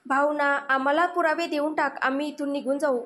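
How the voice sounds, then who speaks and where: A woman's voice: high voice, steady tone, brisk, a bit bright. A cruel male villain issues sneering threats. A woman reads him in her own voice. The menace stays in the words of this spoken story. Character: menacing grown man, cruel gang villain.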